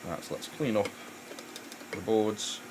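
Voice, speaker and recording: A man with a low voice talks loosely while he works on electronics at his bench. He rambles, restarts his sentences and fills gaps with ums. A faint noise sits under the recording. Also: measured pace. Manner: rambling, many fillers and restarts. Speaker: electronics repair channel host. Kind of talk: casual chat while working.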